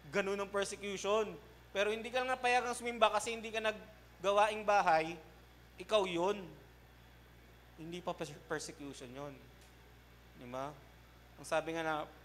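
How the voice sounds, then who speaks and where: A young adult man, a pastor preaching in a relaxed, conversational way that keeps checking in with the congregation. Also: sits high, slight background noise. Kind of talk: sermon.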